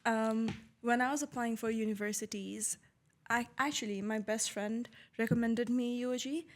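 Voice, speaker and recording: A woman's voice: fairly high pitch, steady tone. A young woman from Nepal, a law student guest on a podcast, chatting casually with lots of "like" and "um" fillers. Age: young adult. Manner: chatty, many "like" and "um" fillers, quick to laugh.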